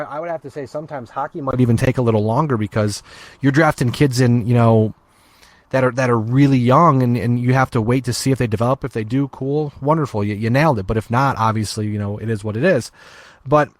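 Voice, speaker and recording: A man co-hosts a casual sports podcast in a dry, close-miked sound. His voice sits at an ordinary middle pitch. He rambles, restarting sentences and filling gaps with "um" and "I mean.". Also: no echo. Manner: rambling, many restarts and fillers. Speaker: podcast co-host.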